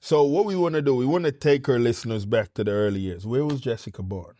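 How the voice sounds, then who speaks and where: A man hosting a casual podcast interview, enthusiastic with animated interjections. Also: medium pitch, fast talker. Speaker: podcast host.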